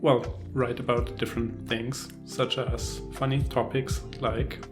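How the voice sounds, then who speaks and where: Man, podcast co-host, teasing, talkative, stammering restarts, clear music in the background. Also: medium pitch, flat delivery, measured pace. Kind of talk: casual chat.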